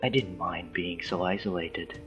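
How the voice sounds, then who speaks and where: A man with a low-pitched, fairly bright voice reads a story aloud at an unhurried pace. He's an amateur, stumbling over words and tossing in casual asides, with music playing behind him.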